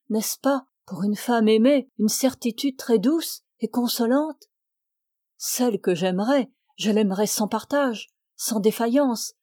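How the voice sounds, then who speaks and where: A woman reading the part of an earnest, devout young man who declares his love solemnly and pleads with fervour, in a slow, mellow voice. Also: a little high, no echo, clean studio sound, close to an everyday voice.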